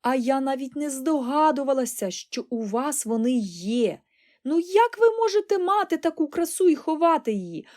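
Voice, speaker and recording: A woman voicing an excitable, cheerful little girl who gushes and exclaims in breathless enthusiasm, in an audiobook. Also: a little high, normal speed, voice pushed up. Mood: excited.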